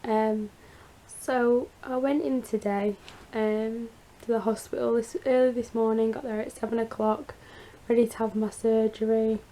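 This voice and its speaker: Woman vlogger w a croaky creaky post-surgery voice, kinda high but soft toned, rambling casual update. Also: level tone, measured pace. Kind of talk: casual personal update chat.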